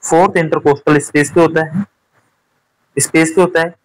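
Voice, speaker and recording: A man teaching a nursing exam lesson, putting quick questions to his students and checking that they follow. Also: fairly high pitch, steady tone, low-quality recording. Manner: repeats points as quick quiz questions to students; keeps checking with "theek hai" and "clear hua". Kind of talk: classroom-style lecture.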